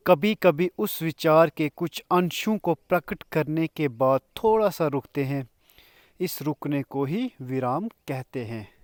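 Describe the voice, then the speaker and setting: Guy teaching a grammar lesson, talks real slow, a bit high, dry close sound. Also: no room sound. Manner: slow and explanatory, pausing between examples. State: coughing now and then.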